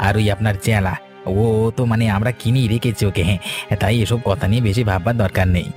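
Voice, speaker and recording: Man doing a fast-talking greedy crook. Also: lowish voice, music in the background, close to an everyday voice. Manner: excitable, greedy, fawning. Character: greedy crooked accomplice, excitable. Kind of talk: cartoon voice acting.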